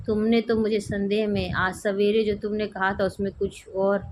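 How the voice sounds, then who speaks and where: A calm, searching man from a stage play, as a woman reads him aloud. He questions steadily, with no put-on voice, in an even middle-range tone. The reading stays plain and measured. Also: mid-range voice, slight background noise, lightly acted. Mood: probing.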